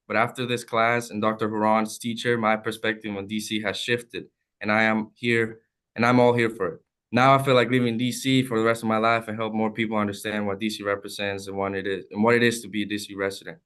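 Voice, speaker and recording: A man's voice: on the low side, a bit bright, clean tone. A young man from El Salvador, a student, reading prepared testimony at a hearing in an earnest, formal and heartfelt way. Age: young adult.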